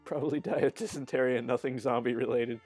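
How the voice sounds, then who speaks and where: A man's voice: mid-range voice, steady tone, fast, a little mellow, breathy edge, faint music behind. A man streaming a game live, chatting in a rambling way with frequent laughs. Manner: chatty and rambling, laughs often, restarts sentences. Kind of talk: casual live-stream commentary.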